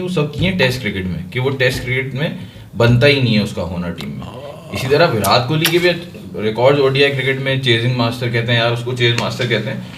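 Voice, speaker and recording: A man with a Pakistani Urdu accent hosting a casual cricket chat, explaining his views at length in a measured way. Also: mid-range voice, a bit bright. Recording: echoey room with faint room noise.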